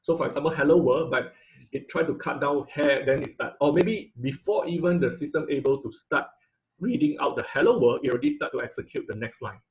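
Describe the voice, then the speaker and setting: A man teaches an online robotics class with screen share, explaining code step by step in a slightly high, expressive voice at a somewhat fast pace. He uses frequent fillers and "okay?" checks, and the recording is rough.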